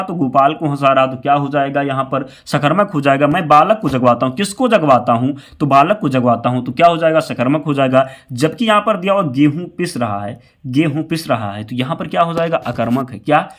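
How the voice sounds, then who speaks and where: Here the feverish, slightly hoarse teacher speaks briskly with hardly a pause, his fairly high pitch rising and falling in lively intonation with a slightly bright edge. Reading out quiz questions and options for exam prep, he repeats each answer and reminds the viewer to keep it in mind.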